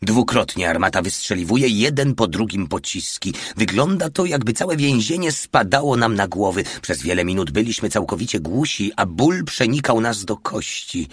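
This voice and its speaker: A man narrating a war novel as an audiobook in a steady, matter-of-fact reading. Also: lowish voice, normal speed, hardly any pauses, husky, no room sound, studio quality.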